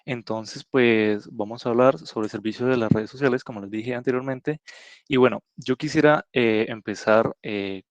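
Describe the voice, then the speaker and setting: A young man opening a group presentation in an online class, filling pauses with "eh" and "pues". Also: medium pitch, no echo, lo-fi sound. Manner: hesitant, fills with "eh" and "pues". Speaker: student presenter. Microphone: video call.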